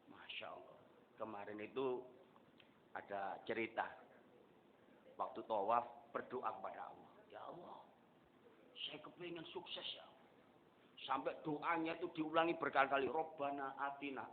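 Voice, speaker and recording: Male preacher, Javanese accent, fairly high voice, hushed-to-loud sermon delivery, tinny phone-like recording. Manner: swings from hushed murmurs to loud, emphatic exclamations. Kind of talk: Islamic sermon to a congregation. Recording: narrow phone-like sound with faint rumble.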